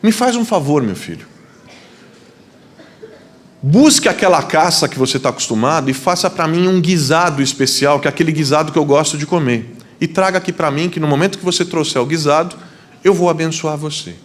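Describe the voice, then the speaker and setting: A man's voice: fairly high pitch, a little fast, close to an everyday voice. A preacher doing Isaac, a frail old blind father. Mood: pleading. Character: aged, nearly blind male patriarch, frail. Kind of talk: acted scene in a sermon.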